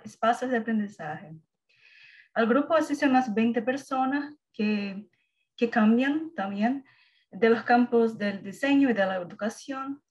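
Female academic presenter, Brazilian Portuguese accent, higher voice, halting Spanish blended with Portuguese. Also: low-quality recording. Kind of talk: prepared slide presentation. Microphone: video call.

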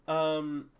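A male streamer chatting casually while playing a horror game, swearing freely, laughing often, swinging between mutters and loud outbursts. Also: a little high, clear, resonant tone. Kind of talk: casual gaming chat.

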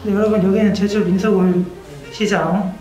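A woman's voice: medium pitch, steady tone, moderate pace, dark tone, reverberant, lo-fi sound, soft background music. A woman hosting a market tour vlog, chatting to the camera about the food and what she bought while her mouth is full and she is chewing. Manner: chatty, describing food and purchases. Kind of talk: casual vlog talk to camera.

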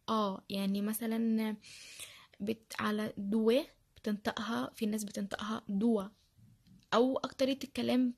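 Her voice sits a little high, slightly mellow and husky, as this Egyptian-accented language learner shares study tips over a relaxed screen-share. She's talkative, circles back to the same phrases, and fills gaps with plenty of fillers.

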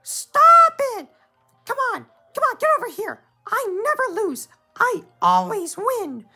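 A bratty dark-world penguin king with a piercing, squeaky voice that cracks into gravel and swings wildly in pitch. Faint music plays behind him in a homemade fan cartoon. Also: huge pitch swings, unhurried, heavily acted. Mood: defiant.

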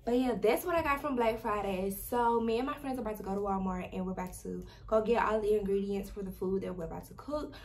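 In this informal haul vlog, a young adult woman chats to her audience from a small bedroom, filmed by a desk-distance camera with noisy background hiss. She talks quickly in a mid-range voice, leaving few pauses.

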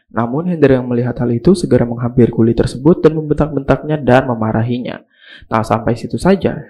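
A man's voice: medium pitch, dark tone. A man narrating a scripted story recap, with mocking, slangy asides to the audience.

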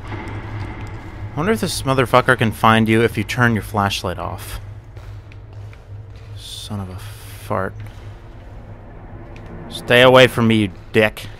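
Young man, low-pitched, bright tense tone, let's play commentary, profane muttering, faint background noise. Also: vocal fry. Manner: rambling and profane, often muttering to himself; yelps and curses at jump scares. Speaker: gaming channel host.

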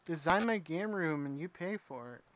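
High-voiced man streaming a retro game. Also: expressive, moderate pace. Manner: chatty, reacting out loud and answering viewers' chat. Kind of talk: casual live gameplay commentary.

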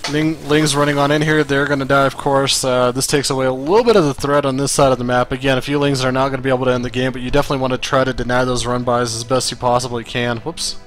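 A man's voice: medium pitch, fast talker, few pauses. A man doing solo play-by-play commentary on a strategy game, tired after a long day, chatty and loose, often restarting his sentences. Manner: relaxed, chatty, self-correcting, occasional laughs. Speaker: esports caster.

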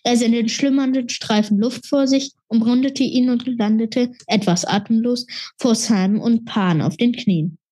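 A woman reading a children's fantasy novel aloud in a steady, expressive storytelling manner. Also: on the high side, measured pace. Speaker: reader.

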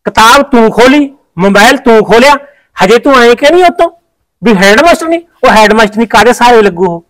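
A man acts out a farmer husband with a Malwai Punjabi accent, reproaching his wife. His voice sits high and the sound is dry and close. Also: animated, brisk, fairly bright tone, no room sound, low-quality recording. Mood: reproachful. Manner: pleading, reproachful. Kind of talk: village comedy drama acting.

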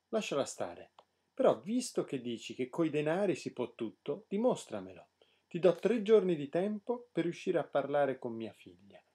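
A stern storybook king with an ironic, commanding edge, as a man reading the tale puts him on. The voice is husky and mellow and swings widely in pitch. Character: stern mocking old king, male.

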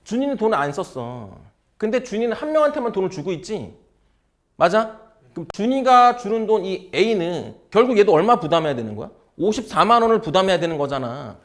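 Male test-prep tutor, blunt and informal, animated pitch, keeps asking students if they follow. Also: fairly quick. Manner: drilling with constant check questions. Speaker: exam prep lecturer. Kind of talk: casual math lecture.

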